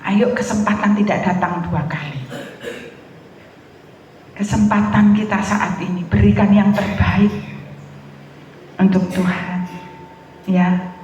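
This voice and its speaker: A woman's voice: takes it slowly, long pauses, a little hiss or hum. A middle-aged woman preacher, telling stories in her sermon and acting out both sides of conversations in a raised voice. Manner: animated, acts out dialogue with raised pitch, laughs often. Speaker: evangelist preacher. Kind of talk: sermon with storytelling. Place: church hall. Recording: echoey church hall, reverberant.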